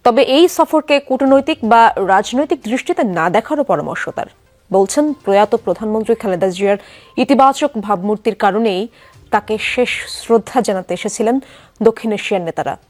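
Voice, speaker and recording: A woman news anchor reading headlines and reports in a measured, formal way. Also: fairly high pitch, lively intonation, a little mellow, no echo.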